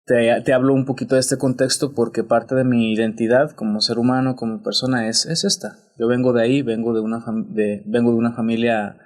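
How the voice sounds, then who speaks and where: A Mexican man speaks as a priest in a podcast interview. He talks in a reflective, unhurried way and often restarts his sentences. His voice sits at an ordinary middle pitch. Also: darkish tone.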